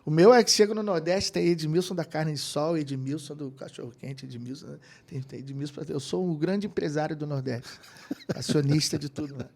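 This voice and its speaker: Lively storytelling man, higher voice. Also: brisk, creaky. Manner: animated anecdotes with quoted voices and laughter. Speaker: guest, keyboardist and music producer. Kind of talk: casual storytelling interview.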